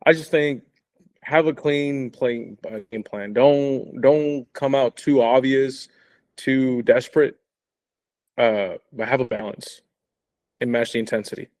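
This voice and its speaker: A man's voice: mid-range voice, slow pace, long pauses, a little mellow. A man chats casually about college football as a podcast co-host. He stumbles through restarts and repeated words and often breaks into laughter. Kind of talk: casual sports chat.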